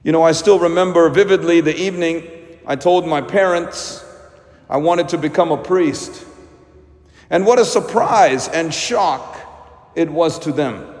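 A man, a priest, reading the gospel and preaching a homily in a slow, measured way inside a large church. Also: a little high. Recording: long echoing church reverb.

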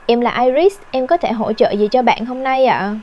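A woman's voice: a little high, animated, moderate pace, muffled recording. A woman speaking as a salon receptionist in a polite, formal customer service voice. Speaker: salon receptionist taking a phone booking.

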